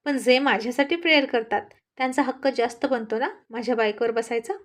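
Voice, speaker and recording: A woman's voice: a little high, fairly quick. A woman narrating a college love story and reading every character's lines herself. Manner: reads all characters in the same voice. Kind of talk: storybook narration with acted dialogue.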